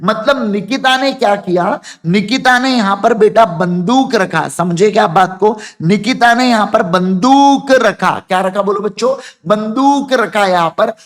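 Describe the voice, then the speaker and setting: Animated high-voiced man teaching law. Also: measured pace, hardly any pauses. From India. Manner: animated storytelling with call-and-response questions to students; acts out students' lines and crying in put-on voices. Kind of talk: classroom lecture.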